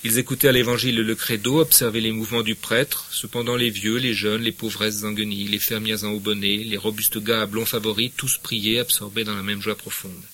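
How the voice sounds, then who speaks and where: A man's voice: lowish voice, brisk, hardly any pauses. A middle-aged man giving a literature lecture, reading passages expressively and adding hesitant remarks. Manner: expressive reading, hesitant fillers when commenting.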